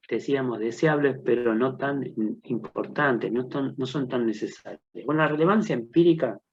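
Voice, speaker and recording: Gravelly man lecturing on methods. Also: medium pitch. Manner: thinks aloud with rhetorical questions and worked examples. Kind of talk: recorded lecture. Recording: dull lo-fi lecture recording.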